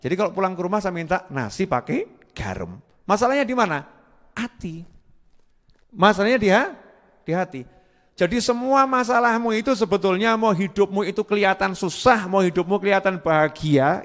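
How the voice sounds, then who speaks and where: A man's voice: high voice, a bit bright, big-room sound. A man preaching a sermon, asking the crowd questions and answering them himself, repeating key words and chanting Arabic phrases.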